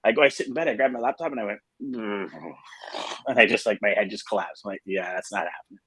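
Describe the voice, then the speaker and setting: A man's voice: mid-range voice, rapid-fire, fairly bright tone. A middle-aged man hosting a casual morning show, talking in a rambling way with restarts and fillers. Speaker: host.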